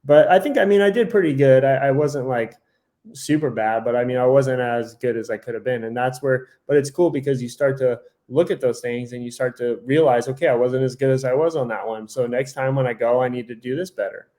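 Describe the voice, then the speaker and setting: Mellow-voiced man rambling in casual talk. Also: medium pitch, fairly even intonation, fairly quick. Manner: rambling, frequent "like" and self-corrections; acts out his own thoughts in quoted asides. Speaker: podcast co-host. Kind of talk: casual chat.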